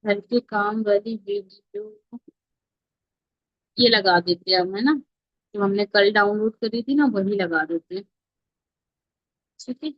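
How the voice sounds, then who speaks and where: Speaking slowly and pausing often, an Indian online instructor leads a casual live tutorial on mobile video editing, step by step, regularly checking on her students. Her voice is mid-range, and the recording is close, dry, dull, and lo-fi.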